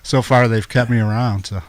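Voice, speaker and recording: A modest man who plays guitar in a band, answering casually in an interview. His voice sits in a middle pitch and sounds dry and close, with no room echo. He talks about himself in a self-deprecating way and laughs softly. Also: steady tone, normal speed.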